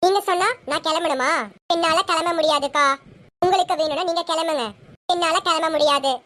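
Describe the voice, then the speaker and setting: Defiant young sister-in-law played by a very high-voiced performer; measured, firm. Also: fairly even intonation, pushed and bright. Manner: firm, measured, pushes back. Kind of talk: serial parody skit.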